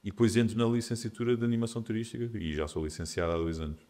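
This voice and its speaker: A man in his twenties with a notably deep, low-pitched voice sits as a guest in a casual podcast conversation. He answers in a calm, soft-spoken, reflective way. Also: very fast. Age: 20s.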